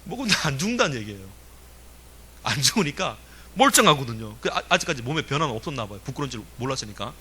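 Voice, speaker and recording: A man preaching a sermon in a lively, emphatic way, asking the congregation questions and chuckling now and then. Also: mid-range voice, fast, husky. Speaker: pastor.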